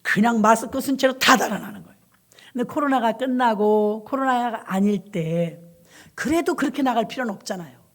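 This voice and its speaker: A woman pastor preaching a sermon, telling stories in an animated, exclamatory way. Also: on the high side, normal speed.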